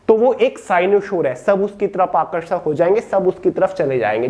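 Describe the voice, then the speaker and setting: A man teaching an online vocabulary lesson in Hindi, reading English definitions slowly and calling his listeners friends. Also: sits high, warm tone. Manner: addresses listeners as friends and brother. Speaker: exam-prep teacher.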